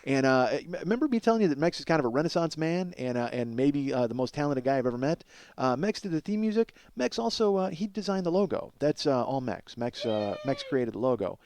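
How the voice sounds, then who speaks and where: Rambling through a comedic podcast monologue, this man keeps interrupting himself, cursing and making fun of himself. He talks fairly quickly in a very animated, medium-pitched, slightly mellow voice, with no room sound present.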